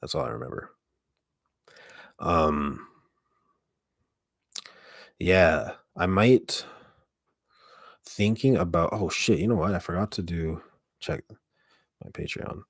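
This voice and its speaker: A man with a deep, gravelly voice chats casually on a livestream in a halting way, often interrupting himself, close to the microphone. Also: dry recording. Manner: halting, self-interrupting, mild swearing. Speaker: ASMR streamer hosting a live stream. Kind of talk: casual rambling livestream chat.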